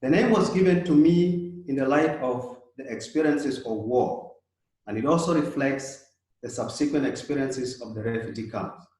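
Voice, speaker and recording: South sudanese-born guy in his 30s, slow thoughtful talk, really echoey room. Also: mid-range voice, a little mellow. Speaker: guest speaker, Jesuit. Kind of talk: prepared talk.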